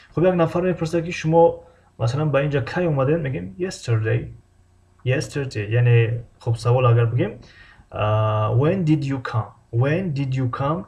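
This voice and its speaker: Male language teacher, native Persian, with a gravelly dark voice. Drills English phrases slowly with frequent fillers. Dull lo-fi recording. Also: medium pitch. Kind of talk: language lesson.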